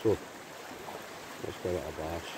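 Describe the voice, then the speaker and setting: A Scottish man in his forties, an outdoor vlogger, chats to camera and thinks aloud while cooking at a riverside camp. His voice sits low with fairly even intonation and a slightly slow pace, the flowing river audible throughout.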